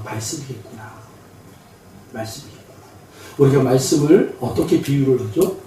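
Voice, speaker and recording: A man preaching a sermon as pastor, telling stories in a lively way and acting out the voices of the people in them. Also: a little high, recorded from a distance, slight background noise. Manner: animated, acts out quoted voices. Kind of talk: sermon with humorous storytelling. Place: church sanctuary. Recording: echoey church hall, voice from off mic.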